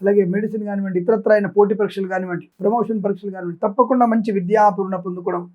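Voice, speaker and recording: A man's voice: high voice, fairly even intonation, very fast, narrow, tinny audio. A man giving weekly horoscope predictions as an astrologer. He rattles off long lists of blessings and breaks into preachy, sarcastic asides. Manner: preachy, moralizing.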